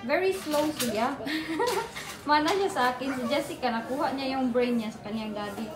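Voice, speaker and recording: A woman's voice: high voice, animated, normal speed, roomy sound, loud music behind the voice. Chatty pregnant mother vlogging outdoors. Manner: chatty, storytelling, mixes languages. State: pregnant, tired from walking. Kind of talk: casual vlog chat while walking.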